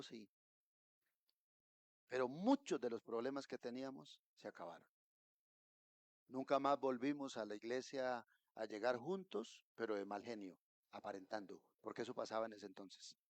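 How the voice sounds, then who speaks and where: A man with a Colombian accent preaching a sermon as pastor, telling a story that swings from hushed asides to loud, emphatic calls to the congregation. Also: medium pitch, dry recording. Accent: Colombian Spanish. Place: church.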